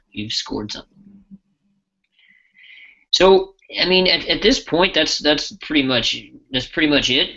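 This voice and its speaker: A software trainer gives a casual live demo of a software tool, speaking loosely and often restarting his phrases. His medium-pitched voice is bright with a gravelly edge. The audio is dull and lo-fi, like a webinar.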